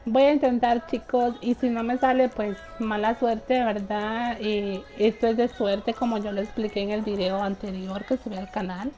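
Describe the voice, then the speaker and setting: Young woman gaming streamer, slow relaxed chat with a bit of a high voice, faint music under. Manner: chatty, laughs often, reads out chat greetings. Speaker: gaming livestreamer. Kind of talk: casual live gameplay chat. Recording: faint game music behind.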